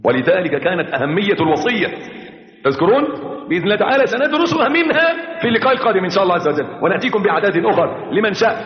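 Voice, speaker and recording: A man's voice: sits high, very animated, racing, a little hiss or hum. A male preacher giving an impassioned sermon, calling out to his listeners and chanting verses. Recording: echoey hall, dull lo-fi sound.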